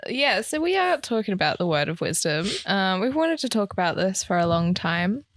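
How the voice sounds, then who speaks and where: Lively rambling woman co-host. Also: mid-range voice, moderate pace, no room sound. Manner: rambling, laughs often, many ums and likes. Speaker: podcast co-host. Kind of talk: casual chat.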